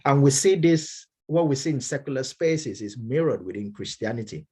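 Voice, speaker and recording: Husky-voiced Nigerian man lecturing. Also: medium pitch, darkish tone. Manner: measured, with frequent fillers and restarts. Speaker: Baptist minister and speaker. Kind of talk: academic lecture.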